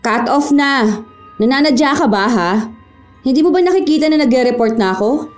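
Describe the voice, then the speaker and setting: Brief: actress voicing a haughty young female clerk, high and sharp-tongued, full of scorn. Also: lively intonation, moderate pace, faint music behind. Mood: irritated. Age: young adult.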